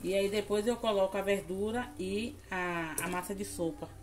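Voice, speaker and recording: In this home vlog, a woman from Bahia, Brazil chats casually in Bahian Brazilian Portuguese while cooking in her kitchen and cooing lovingly at a baby. Her voice is mid-range and her pace normal, with a slight hiss or hum in the recording.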